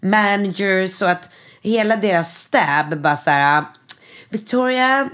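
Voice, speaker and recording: A woman chatting casually, telling stories in an animated, gushing way with many fillers and acted-out quotes. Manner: acts out quoted voices in high English. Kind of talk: casual chat.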